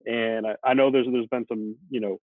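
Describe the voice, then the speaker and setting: A man's voice: mid-range voice, fairly even intonation, normal speed, dry recording. Man on a tinny phone line. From Syracuse, New York area, USA. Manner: easygoing, talks it through with many hedging fillers. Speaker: sports reporter guest. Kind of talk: casual podcast chat.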